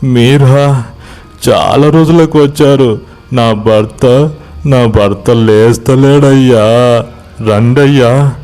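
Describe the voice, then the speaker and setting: A man voicing a weeping woman ghost who pleads for help, in a Telangana accent, with slow, drawn-out words. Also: medium pitch, mellow, smooth, pitched above the performer's own voice, close to an everyday voice. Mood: pleading, sobbing. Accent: Telangana Telugu. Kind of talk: horror story voice acting.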